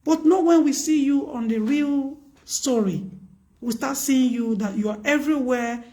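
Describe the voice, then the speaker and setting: In no hurry, a woman on a live stream offers earnest, emphatic advice in a loud, high voice. She circles back to repeat her points, and her manner is preachy yet casual.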